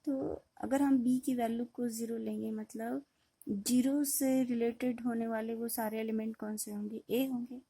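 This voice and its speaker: A woman's voice: a little high, steady tone, unhurried, dark tone, breathy edge, no room sound, rough recording. A woman teaching a maths lecture, explaining step by step and asking questions she then answers herself. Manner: mixes in English terms, with fillers and restarts. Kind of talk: classroom lecture.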